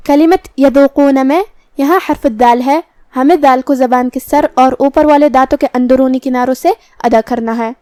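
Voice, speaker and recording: A woman teaching Quran recitation, explaining each letter patiently and reciting verses slowly and precisely. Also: high-pitched, dark tone, no room sound, clean studio sound. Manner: precise, patient, drawn-out articulation of each sound. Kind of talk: slow, careful tajweed lesson with recitation.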